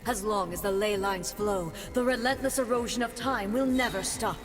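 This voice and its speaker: A woman's voice: medium pitch, normal speed, lightly acted. Woman playing an imperious female puppet ruler, solemn, commanding, long hall reverb, game music behind. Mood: cold solemn. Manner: solemn, commanding, cold pronouncements. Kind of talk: video game boss dialogue.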